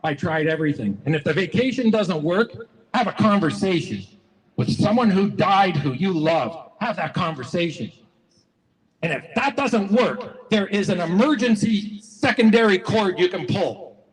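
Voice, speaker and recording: A man's voice: sits high, animated, normal speed, big-room sound, low-quality recording. A man giving a folksy, repetitive motivational speech to a crowd at an outdoor rally, telling stories as he goes. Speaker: rally speaker. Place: outdoor public square rally.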